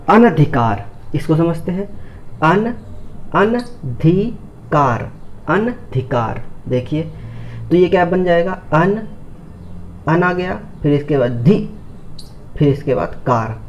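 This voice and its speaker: A man teaching a spelling lesson, spelling out each word slowly, repeating it and asking whether students understood. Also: on the high side, darkish tone, dull audio, a little hiss or hum. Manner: slow, repeats each word several times, checks understanding.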